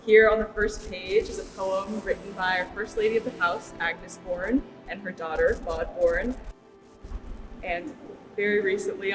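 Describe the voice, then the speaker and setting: A guide calmly explaining a historic guest book on a tour. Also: mid-range voice. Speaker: garden guide. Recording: roomy echo, distant mic, music under.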